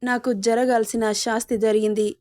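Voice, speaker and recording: A woman's voice: on the high side, flat delivery, moderate pace, darkish tone, lightly acted. A woman reading the part of a hurt, regretful young wife. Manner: pleading, hurt.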